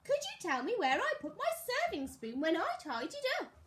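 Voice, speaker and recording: A woman's voice: very high-pitched, wildly swooping pitch, brisk, fairly bright tone, full character voice. A woman voicing a fussy, absent-minded little lady from a children's storybook, in a questioning, sing-song way. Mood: puzzled, asking.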